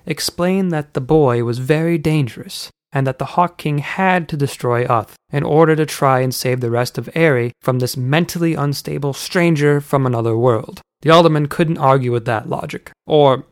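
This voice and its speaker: Guy narrating a comedy fantasy podcast story, deadpan, dry close mic. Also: mid-range voice, normal speed, hardly any pauses, no echo.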